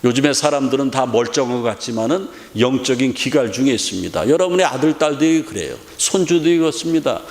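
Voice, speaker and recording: A man's voice: mid-range voice, expressive, fast talker, few pauses, a little mellow. A middle-aged man preaching a sermon as pastor, emphatic and full of rhetorical questions. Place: church sanctuary. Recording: echoey church hall with long reverb.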